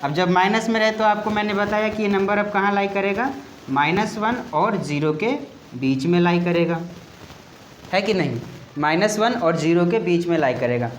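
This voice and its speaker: A man's voice: sits high, normal speed. Man teaching maths in an echoey room. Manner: explains patiently, repeats points, keeps checking with "ok"; addresses students casually and directly. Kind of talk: step-by-step maths lesson. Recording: echoey room with faint background noise.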